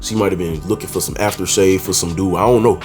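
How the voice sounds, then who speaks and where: A man's voice: sits low, steady tone, quick pace, a little mellow, soft background music. A man talking casually to camera, giving dating advice in a confident, slangy way and often calling the listener "bro". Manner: confident, emphatic.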